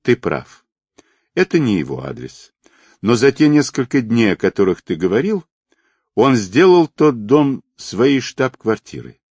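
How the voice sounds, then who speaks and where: A man voicing a calm, controlled colonel who gives quiet orders. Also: mid-range voice, a little slow, slightly rough, dry recording, voice pushed up. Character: calm, authoritative male colonel.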